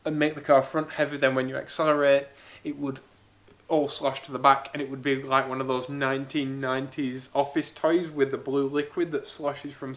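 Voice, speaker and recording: A man's voice: medium pitch, fairly bright tone. A man who grew up in Spain, chatting enthusiastically as he answers viewer questions in a casual Q&A vlog about building a car. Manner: chatty, enthusiastic, thinking aloud. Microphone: small camera-mounted mic.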